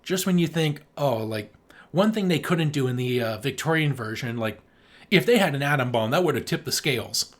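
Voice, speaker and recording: With a medium pitch that rises and falls in lively swings, this podcast co-host speaks at a moderate pace. The casual, enthusiastic delivery, heavy on swearing and emphatic points, resembles an informal film review.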